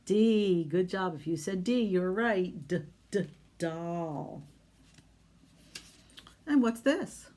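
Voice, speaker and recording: A woman teaching young children phonics, slowly modeling sounds in an exaggerated way and asking encouraging questions. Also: on the low side, expressive, warm tone. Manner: encouraging, question-and-answer talk with pauses.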